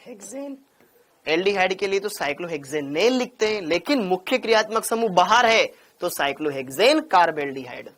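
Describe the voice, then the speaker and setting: A man's voice: high-pitched, animated, fairly quick, a bit bright. A man teaching chemistry in an online class, drilling points over and over and scolding students by name. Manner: calls students by name and "beta".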